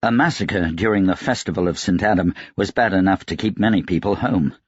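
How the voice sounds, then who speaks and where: Low, husky male audiobook narrator. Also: a little fast, no room sound, highs cut off. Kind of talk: scripted narration.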